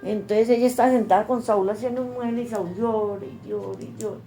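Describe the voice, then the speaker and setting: A woman's voice: a little high, fairly even intonation, fairly quick, creaky, dark tone, soft background music. An older woman with a Colombian Paisa accent giving an emotional oral history testimony, acting out the voices of the people in her story. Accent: Colombian Paisa Spanish. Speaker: interviewee.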